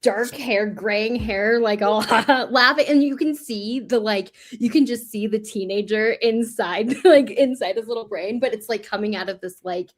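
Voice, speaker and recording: A woman's voice: fairly high pitch, measured pace, few pauses. A woman in her thirties, hosting a casual chat and telling family stories, full of "like" fillers. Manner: chatty storyteller, many "like" fillers. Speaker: host.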